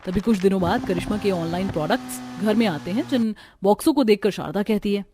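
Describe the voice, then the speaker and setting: A woman giving steady scripted narration for an animated family story. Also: mid-range voice, brisk, faint music behind.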